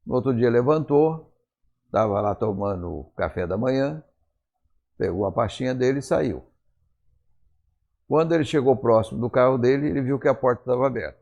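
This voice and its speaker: A man's voice: medium pitch, animated, moderate pace, creaky, pauses often, darkish tone, dull audio. A man with a Brazilian accent preaching a sermon in church, telling stories in a conversational way and acting out the dialogue. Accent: Brazilian Portuguese. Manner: conversational, acts out quoted dialogue. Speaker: pastor. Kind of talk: storytelling sermon.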